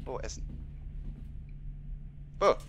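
A man's voice: slow, noisy background. A man hosting a horror game let's play, jumpy and swearing, yelping at scares and mixing English curses into his chatter. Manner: sprinkles English curses into German. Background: game music.

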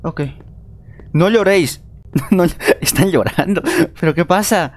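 A man's voice: sits high, a little slow. A man streaming a multiplayer horror game, talking to his viewers and teammates, and shrieking and swearing whenever he gets scared. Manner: jumpy, screams and swears when scared. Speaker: gaming streamer. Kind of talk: live let's-play commentary.

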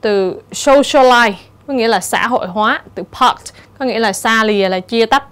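A woman teacher with a Vietnamese accent, explaining exam answers step by step and reading English example words slowly. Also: fairly high pitch, a bit bright, clear, resonant tone. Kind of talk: exam-prep lecture.

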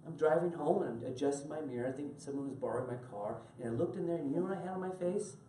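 A male pastor preaching a sermon to his congregation, animated and laughing as he tells stories and calls on people by name. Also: a little high, racing, slight background noise. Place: church sanctuary. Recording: echoey room from far off.

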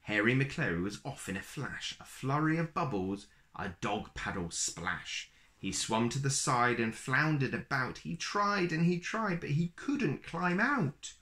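Inside a small, plain room, a thirty-something man with a mid-range voice reads a picture book to young children, his storytelling deliberate and full of expression.

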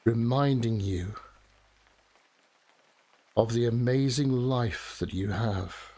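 A man leads a guided meditation in a soft, soothing voice of medium pitch. He speaks very slowly, leaving long pauses between short phrases. Steady rain falls behind him. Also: slightly rough. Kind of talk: guided relaxation meditation narration.

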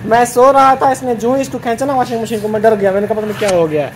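A man's voice: very high-pitched, fairly even intonation, noisy background. A man vlogging casually, chatty as he explains building work around his house step by step. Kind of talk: casual home vlog chat.

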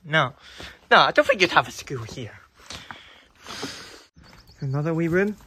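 A young male vlogger mutters to himself into a handheld phone, narrating his nervous walk through an abandoned building, both outside and within. The voice sits a little high, with lively intonation, a slightly slow pace, and a bright, forceful tone against slight background noise. He comes across as jumpy and easy to spook.

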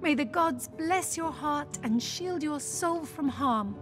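A woman's voice: high-pitched, animated, slow, music in the background. A woman voicing an earnest, formal orc woman in a fantasy video game. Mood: earnest gratitude.

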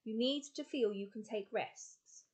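A woman's voice: fairly high pitch, a little slow, natural voice. A woman reading a brusque male explorer. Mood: commanding. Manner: commanding, clipped, shouted over engine noise. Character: gruff, brusque adult male explorer teaching flying.

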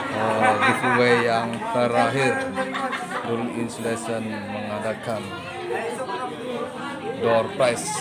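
A man with an Indonesian accent presenting giveaway prizes in a casual vlog, listing items in short phrases. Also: mid-range voice. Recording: loud crowd chatter behind, handheld camera.

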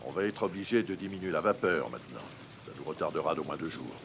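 A man's voice: rumbling low, animated, fast talker, slight background noise. An actor playing a plain-spoken, respectful middle-aged crewman in a French film dub, matter-of-fact in manner. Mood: concerned.

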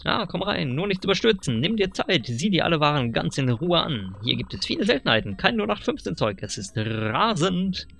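A man voicing a sly, pushy fox furniture dealer who flatters with smooth sales patter. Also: fairly high pitch, moderate pace, hardly any pauses, voice pushed up, exaggerated voice. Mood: wheedling.

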